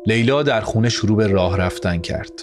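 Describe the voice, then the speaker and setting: A man reading a story aloud in calm, measured scripted narration. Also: on the low side. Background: soft music score.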